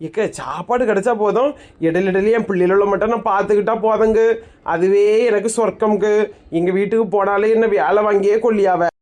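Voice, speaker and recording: A woman voicing a blunt, sharp-tongued young village woman with a Kanyakumari Tamil accent. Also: medium pitch, brisk, pitched below the performer's own voice, close to an everyday voice. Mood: chatty.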